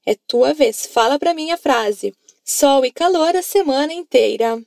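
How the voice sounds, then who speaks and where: A Brazilian woman leads an Italian lesson in a high, bright-toned voice. She keeps prompting her listeners to repeat each line. The recording is dry and close, with no room sound. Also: animated, a little slow, creaky, no room sound. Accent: Brazilian Portuguese. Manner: encouraging, coaxing the listener to repeat. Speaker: Italian teacher. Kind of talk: language lesson narration.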